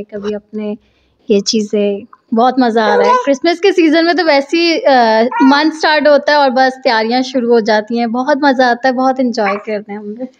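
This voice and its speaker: A woman from Pakistan at home, chatting cheerfully as a guest about her holiday preparations. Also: on the high side. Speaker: interview guest. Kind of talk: casual chat. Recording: slightly dull lo-fi audio.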